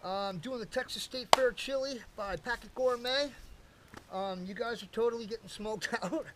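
A man's voice: very high voice, normal speed, background noise. An older man casually talking to camera while building a campfire at a lakeside campsite, chatty and folksy, calling viewers folks. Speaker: camping vlogger. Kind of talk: casual outdoor talk to camera. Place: outdoors at a lakeside campsite fire pit. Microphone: camera-mounted mic from a few meters away.

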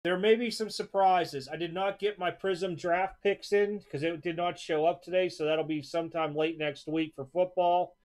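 A man's voice: sits high, steady tone, normal speed, few pauses, darkish tone. A man casually showing off trading cards for an upcoming auction, talking in an easygoing, rambling way at a desk at home. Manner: easygoing, rambling, repeats words. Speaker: sports card seller hosting an auction preview. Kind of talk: casual card showcase narration. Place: home card room, indoors.

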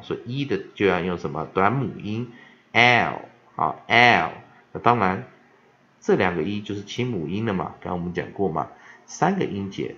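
Gravelly lively male teacher. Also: fairly low pitch, slight background noise. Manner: lively, drawn-out demonstration of words, frequent filler "ah". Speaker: English teacher. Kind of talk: vocabulary pronunciation lesson. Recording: dull lo-fi recording.

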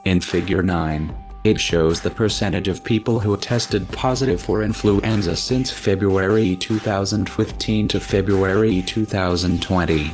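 Anonymous male narrator, disguised deep voice-changer sound, very low, grave scripted read, faint music behind.

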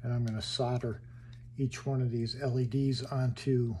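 A man casually walking through his hobby wiring build in a home workshop, halting and thinking aloud as he handles parts. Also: mid-range voice, level tone, warm tone, a little hiss or hum.

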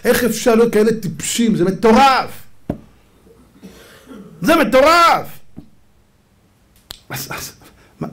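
High-voiced, animated preaching rabbi. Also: male voice, pauses often. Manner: animated preaching, swinging between loud outbursts and hushed low passages; acts out imagined dialogues. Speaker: rabbi giving a Torah lecture. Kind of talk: sermon.

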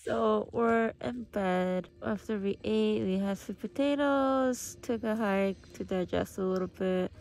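A woman's voice: medium pitch, a little slow, hardly any pauses, darkish tone, poor audio. A young woman chatting casually in a camping vlog from inside a small tent, giggly and talkative. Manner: chatty, giggly, switching between Korean and English. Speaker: vlogger.

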